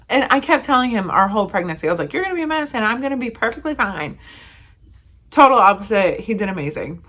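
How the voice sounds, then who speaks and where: A young woman in her twenties, chatting casually to camera as a vlogger, animated and full of fillers as she acts out what everyone said. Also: medium pitch. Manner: animated, lots of fillers and acted-out quotes.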